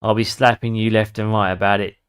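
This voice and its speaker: Brit guy streaming games, lowish voice, chatty, swears a lot, laughs a bunch. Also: little pitch movement, a little fast, clear, resonant tone. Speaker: gaming streamer. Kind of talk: casual gameplay commentary.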